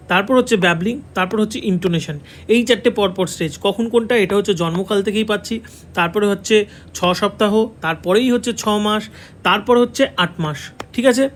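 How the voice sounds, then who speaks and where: A man's voice: sits high, fast, a little hiss or hum. A man with a Bengali accent teaching an online exam-prep lesson, repeating the key answers and checking in with his students. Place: classroom with a board.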